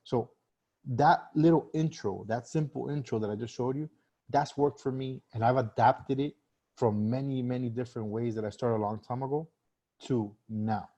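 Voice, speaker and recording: A sales trainer gives a casual live-stream talk, speaking conversationally with plenty of fillers and restarts. His voice is mid-range and dark, and the sound is lo-fi.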